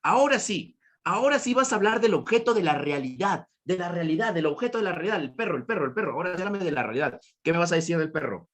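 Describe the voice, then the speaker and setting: A man's voice: sits high, animated, quick pace, hardly any pauses, fairly bright tone. A man teaching an online class with a Peruvian Spanish accent, repeating his points and asking students questions. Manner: repetitive, questioning students, praising answers.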